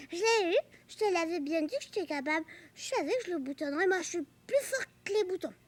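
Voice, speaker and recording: An actress voicing a lively, curious little girl on a children's TV show. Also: very high voice, a little fast, a little hiss or hum. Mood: determined. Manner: eager, childlike, bragging. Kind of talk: children's TV acting.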